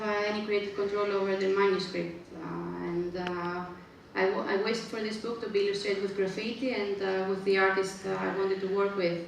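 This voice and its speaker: Greek woman presenting her book, lots of ums and uhs, slightly gravelly, far off mic in a big echoey room. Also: mid-range voice. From Greece. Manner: hesitant, many filler sounds between phrases. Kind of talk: public book presentation talk. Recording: distant, very echoey room with faint ambient noise.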